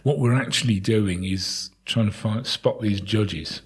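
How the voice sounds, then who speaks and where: A man's voice: on the low side, a little slow, husky. A middle-aged man, a town crier being interviewed, telling anecdotes in a casual, chatty way and often repeating words as he goes.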